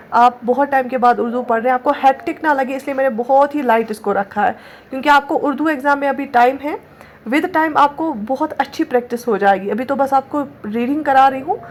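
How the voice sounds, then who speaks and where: Patient higher-voiced woman teaching slowly. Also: a little hiss or hum. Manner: patient, repeats words slowly, often checks with "theek hai". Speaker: Urdu teacher. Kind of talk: online exam-prep lesson.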